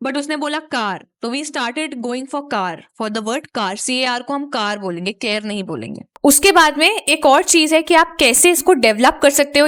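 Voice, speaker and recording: A woman with an Indian accent explaining an English speaking lesson in a chatty way, repeating points and checking in with "right?". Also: high voice. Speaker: English teacher.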